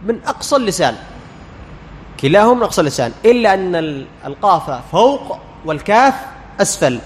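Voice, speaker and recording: A man teaching Quran recitation as a lecture. He quizzes the class, answers his own questions and sounds out letters slowly. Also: high voice, sing-song, in a large hall, a little hiss or hum.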